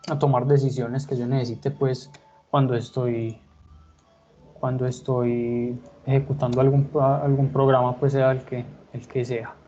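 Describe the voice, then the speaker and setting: A man's voice: mid-range voice, warm tone, muffled recording. A man teaching programming who thinks aloud while he types code, with many restarts and fillers. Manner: hesitant, many restarts and fillers like "pues" and "entonces". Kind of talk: live coding lesson.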